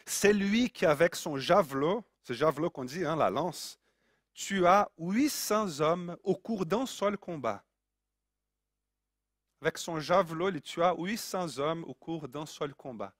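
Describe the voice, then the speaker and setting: A man's voice: on the high side, expressive, slow pace, no echo, studio quality. A man preaching a sermon in a Brazilian accent, earnest and repeating key phrases for emphasis.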